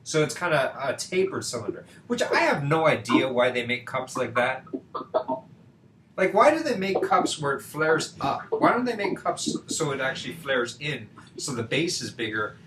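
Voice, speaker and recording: A math tutor teaches in a loose, chatty online session, his medium-pitched voice sing-song and moderately paced as it comes through a computer mic on a video call. He asks rhetorical questions, uses lots of fillers, and keeps checking in with "right?" The room echoes noticeably, with a faint hiss in the background.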